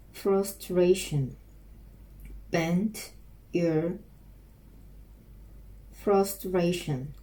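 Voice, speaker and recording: Slow, halting woman with a Korean accent. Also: medium pitch, dark tone. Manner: slow, repeats phrases over and over, halting with restarts. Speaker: English learner practicing aloud. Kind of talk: self-recorded English speaking practice.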